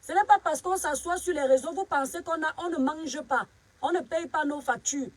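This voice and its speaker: A woman's voice: high voice, moderate pace, no echo, low-quality recording. A woman from Cameroon hosting a casual live stream, greeting viewers by name and sharply scolding critics. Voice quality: husky.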